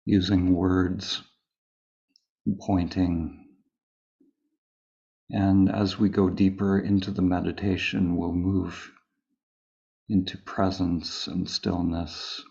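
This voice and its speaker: A man with a low, gravelly voice calmly leads a slow guided meditation, spoken live. He says short phrases separated by long pauses and keeps his tone very even, and the audio is a little dull and muffled.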